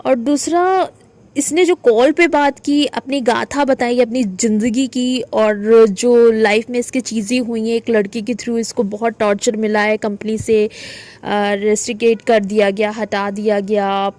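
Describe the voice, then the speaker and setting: A woman vlogger speaking to her viewers in an indignant, animated monologue, often restarting her sentences. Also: a little high, unhurried. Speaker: spiritual content creator.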